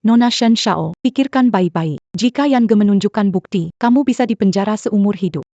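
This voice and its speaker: Actress as mellow, firm young bride. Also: female voice, medium pitch, normal speed, dry recording, lo-fi sound, natural voice. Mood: measured warning. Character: composed young bride firmly warning off a rival. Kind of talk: dubbed melodrama acting.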